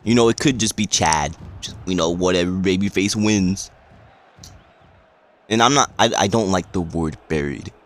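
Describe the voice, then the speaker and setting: A man vlogging in a rambling, excitable rant full of swearing. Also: sits low, moderate pace. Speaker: wrestling vlogger. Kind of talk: casual vlog rant.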